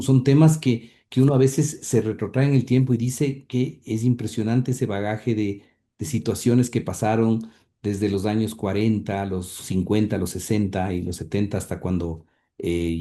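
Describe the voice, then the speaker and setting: This is a man with a lowish, mellow voice who talks at a moderate pace. He is a guest being interviewed about his late grandfather, and his answers come out hesitantly, with lots of fillers and repeated words.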